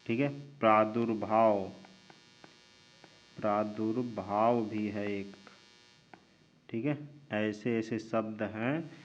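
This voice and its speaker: A male teacher giving a spelling lesson, drawing out each word slowly and answering his own questions. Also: fairly low pitch. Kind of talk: spelling lesson while writing on a board. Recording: dull lo-fi recording with mains hum.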